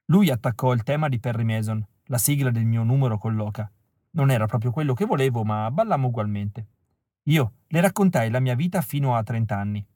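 A man reading a first-person novel aloud as an audiobook, telling it in a wry, expressive way that keeps dropping to a flat, quiet tone. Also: mid-range voice, brisk, no echo. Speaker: audiobook reader. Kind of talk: first-person literary narration.

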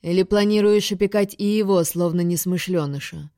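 A woman's voice: on the low side, moderate pace, warm tone, dry recording, studio quality, lightly acted. A woman doing a drawling, venomous alien overlord. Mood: sneering.

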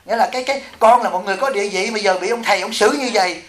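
A man's voice: high voice, racing. A middle-aged man, a Buddhist monk and abbot, giving a dharma talk, telling stories animatedly and questioning his listeners. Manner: animated storytelling, acting out quoted voices, asking the audience. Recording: echoey hall.

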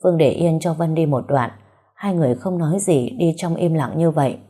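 A woman narrating a romance story, with even, unhurried reading. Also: low-pitched, slightly rough.

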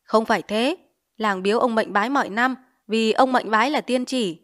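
A woman voicing a quarrelsome older village notable, a man, shouting indignantly in a storybook reading. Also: a little high, moderate pace, natural voice.

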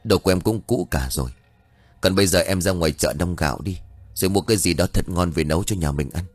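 A haunted young village husband talks in an earnest rush, low and a little husky, as a male narrator voices him. He comes across as anxious, a character in an audio horror story. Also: fast, dry recording, faint music behind.

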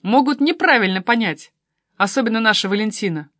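A woman's voice: a little high, lively intonation, fairly bright tone, dry recording, clean studio sound. A woman reading a story, voicing a cheeky, mocking teenage daughter. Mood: teasing. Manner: quick, teasing, pert.

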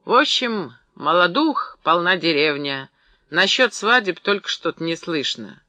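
A man voicing a sly, spiteful village gossip who gloats loudly and mockingly. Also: high-pitched, sing-song, measured pace, no echo, heavily acted. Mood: gloating.

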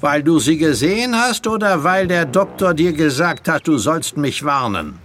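A man's voice: fairly high pitch, expressive, normal speed, fairly bright tone, a little hiss or hum, voice pushed up. A man voicing a boastful, commanding Elizabethan sea captain who mocks a stranger. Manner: crowing, commanding.

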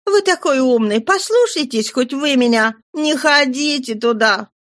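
A woman's voice: sits high, animated, unhurried, a bit bright, voice pushed up. A woman voicing a bold, stubborn young woman from a family of thieves in a read-aloud novel. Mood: pleading. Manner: defiant, stubborn.

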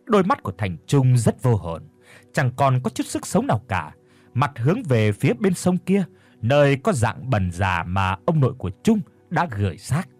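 A man narrating a ghost story in a suspenseful, expressive way. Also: medium pitch, moderate pace, slightly rough, no room sound, soft background music.

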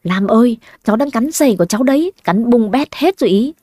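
A woman's voice: fairly high pitch, expressive, fast, dark tone, no echo, clean studio sound. A woman voicing a fretful, scheming old grandmother, coaxing and complaining.

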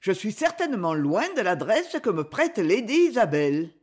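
A reader voicing a graceful, modest young woman answering gently. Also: mid-range voice, sing-song, normal speed, husky.

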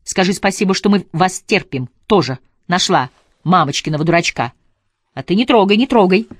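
Woman reading as an emotional, sharp-tongued young wife. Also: lowish voice, normal speed, dry recording, clean studio sound. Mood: angry.

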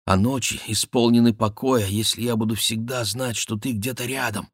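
A man voicing a tender young noblewoman in love, speaking softly and wistfully. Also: mid-range voice, fairly even intonation, moderate pace, slightly rough, no room sound, clean studio sound, natural voice. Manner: soft, wistful, lightly raised voice.

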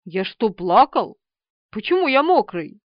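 A woman voicing a dim-witted, dazed young man who drawls slowly in an audiobook. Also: on the high side, very animated, no echo. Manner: slow, dull, drawling. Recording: dry, slightly dull studio recording.

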